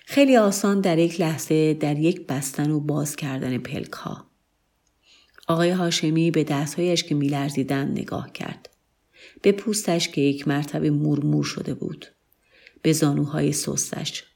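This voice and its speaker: Low-voiced woman reading a story. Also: gravelly. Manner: calm, measured reading. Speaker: narrator.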